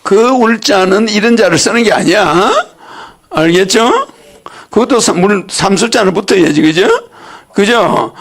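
An older man lectures in a folksy, teasing way, often breaking into laughter and quizzing his listeners. His voice sits high and has a gravelly edge. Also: unhurried, fairly bright tone. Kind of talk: religious lecture.

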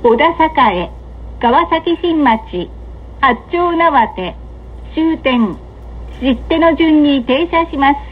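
A woman giving scripted automated train announcements in a polite, measured, formal manner. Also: high-pitched, expressive. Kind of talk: scripted recorded onboard announcement. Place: train carriage public-address system. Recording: dull lo-fi train PA, running noise. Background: train ambience.

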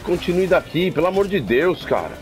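Brisk and sing-song, this fairly high-pitched Brazilian streamer narrates his gameplay in a mix of Portuguese and English. Exasperation keeps boiling over into loud wails of despair while game music plays faintly in the background.

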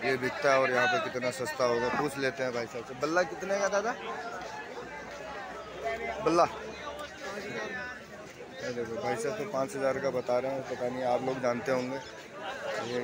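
A man's voice: medium pitch, fairly even intonation, normal speed, long pauses. A man filming a walking tour of a crowded outdoor market on his phone, talking to viewers, repeating himself as he praises the goods. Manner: chatty, repetitive, hawks quality to viewers. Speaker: vlogger. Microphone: handheld phone. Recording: loud crowd noise all around.

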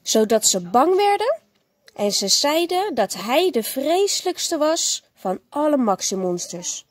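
Woman teacher, bedtime story reading, high lively voice, dry close sound. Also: unhurried, dry recording. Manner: gentle, expressive storytelling.

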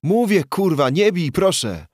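A man voicing a terrified, beaten male street informant who yells and swears in panic. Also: on the low side, takes it slowly, no echo, studio quality. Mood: panicked.

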